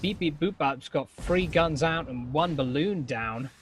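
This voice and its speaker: A man giving color commentary on a video game match, with a voice a little higher than most men's. He mixes light jokes in with his play descriptions, and he lets out loud, surprised exclamations when the action turns. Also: unhurried, slight background noise. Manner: playful, jokey asides, loud surprised exclamations. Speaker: esports co-commentator.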